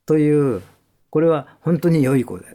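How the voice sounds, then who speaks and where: A man calmly explaining breathing and what makes a good voice, step by step. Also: on the high side, moderate pace. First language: Japanese. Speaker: voice expert guest.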